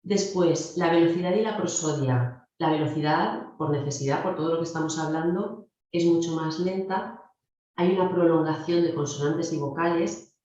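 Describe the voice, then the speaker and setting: A middle-aged woman gives a clinical lecture in a low voice, explaining patiently and talking straight to the students. The sound is very echoey and dull, as if recorded lo-fi in a big bare room. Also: moderate pace, warm tone. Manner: explanatory, addresses students directly. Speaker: speech therapy lecturer.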